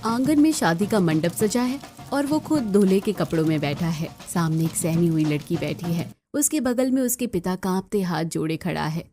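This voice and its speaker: A woman narrating a cartoon story in an even storytelling manner. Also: lowish voice, normal speed, hardly any pauses, music in the background. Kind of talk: scripted narration.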